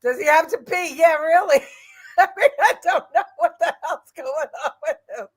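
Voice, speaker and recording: A woman's voice: very high-pitched, normal speed. A woman comedian co-hosting a casual talk show, who laughs constantly and shrieks at the clips. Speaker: co-host, comedian.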